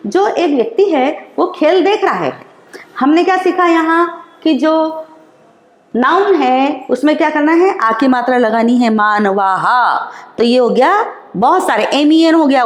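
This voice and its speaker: A woman teacher, explaining slowly and repeating each example in an online class lesson. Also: high voice. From India. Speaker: school teacher. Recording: roomy echo.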